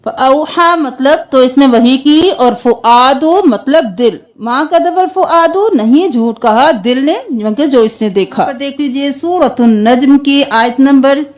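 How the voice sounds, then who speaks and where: A woman teaches Quran recitation. She talks at an unhurried pace, spelling out syllables and chanting the verses slowly with long drawn vowels. Her quicker explanations come in between the chanted parts. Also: sits high.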